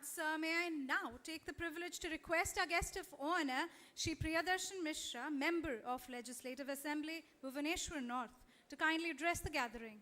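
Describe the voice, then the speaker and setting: A woman's voice: high-pitched, normal speed, few pauses, bright, forceful tone. A woman with an Indian accent makes a formal stage announcement as event announcer. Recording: long hall reverb.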